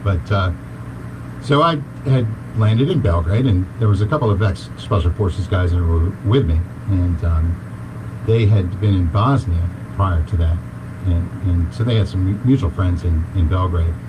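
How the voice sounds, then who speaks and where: A man with a very low voice tells a rambling story as an interview guest, full of fillers and restarts. A noisy hiss sits under the whole recording. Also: normal speed.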